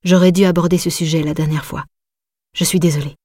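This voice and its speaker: A woman reading the lines of a calm, professional male therapist in a measured, firm way. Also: deep voice, dry recording, studio quality.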